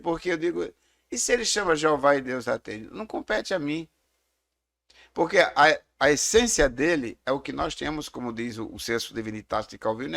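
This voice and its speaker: Speaking at an ordinary mid pitch with a gravelly, slightly fried, fairly bright voice, this middle-aged Brazilian man has a Brazilian Portuguese accent. He works through matters of faith at an easy pace, reflecting, explaining, and frequently stopping for a story in a relaxed talk about theology.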